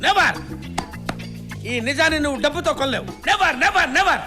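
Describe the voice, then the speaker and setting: An actor playing a cheeky, fast-talking comic know-it-all, teasing and bantering in a film comedy scene. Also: male voice, very high voice, animated. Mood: mocking. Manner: teasing, rapid-fire banter. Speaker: comic lead. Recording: film soundtrack with music behind.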